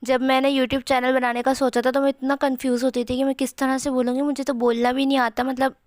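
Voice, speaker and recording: Young woman vlogger with a sore throat, smooth, steady voice. Chatty, rambling voice-over, dry close mic. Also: high-pitched, fast talker, dry recording. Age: young adult. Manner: chatty, rambling, many fillers. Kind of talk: home cooking vlog voice-over.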